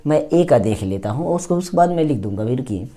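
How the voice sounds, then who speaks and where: A man's voice: mid-range voice, lively intonation, fast, mellow. A man teaching English pronunciation in a chatty lesson, repeating words as drills. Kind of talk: casual classroom lesson.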